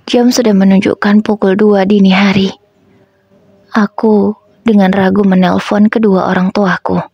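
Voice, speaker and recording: A woman narrating a sorrowful first-person family story in a slow, reflective way. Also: medium pitch, flat delivery, a little mellow, husky, no room sound, lo-fi sound.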